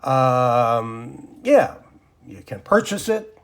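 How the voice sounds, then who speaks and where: Very slowly and in a sing-song, medium-pitched voice, a man whose first language is Persian teaches informal English grammar from his desk. He rambles, drops in many fillers, and mutters to himself while drawing.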